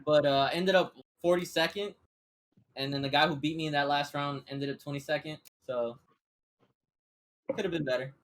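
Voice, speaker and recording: Man, card player, casual chat, easygoing, lots of uh, slightly high voice. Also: fairly even intonation, moderate pace, pauses often, fairly bright tone. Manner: easygoing, filler-heavy.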